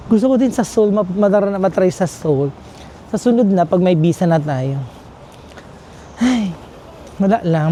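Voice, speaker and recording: A man talks to his handheld phone as he strolls outdoor streets at night, exclamatory and full of jokes. His voice is mellow and relaxed. Faint background noise sits under the recording. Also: high-pitched. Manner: chatty, exclamatory, joking. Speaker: travel vlogger. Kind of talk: casual walking vlog chat.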